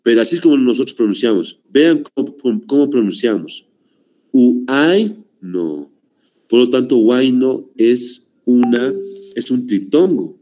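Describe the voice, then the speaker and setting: A man's voice: mid-range voice, moderate pace, mellow. A man teaching a language class, stressing and repeating his points while addressing the students as "señores.". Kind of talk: online class lecture.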